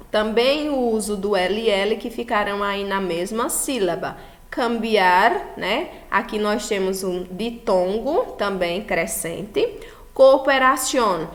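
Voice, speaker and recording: A Brazilian woman teacher giving a recorded class, explaining slowly and patiently and often checking that students follow. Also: mid-range voice, a bit bright. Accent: Brazilian Portuguese. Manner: slow, patient explaining with frequent checks for understanding. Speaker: school teacher.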